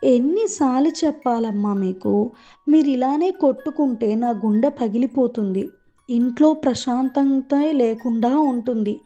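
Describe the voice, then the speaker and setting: A woman voicing a loving, tearful mother of two squabbling children in a storybook tale, pleading softly. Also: sits high, a little slow. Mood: upset. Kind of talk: storybook narration. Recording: dull lo-fi with music behind.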